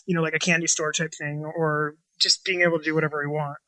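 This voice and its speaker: A chef and restaurant owner from Washington State, USA, talks fast and flatly about his restaurant in a casual interview, rambling with plenty of fillers and restarts and seldom finishing a thought cleanly. His voice is bright and slightly high, and the recording is close and dry with almost no room echo.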